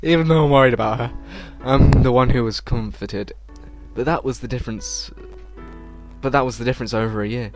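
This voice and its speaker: With game music running underneath, this brisk, mid-range male voice belongs to a let's play host. He reads the visual novel's text casually, fumbling some words and dropping in relaxed comments as he goes.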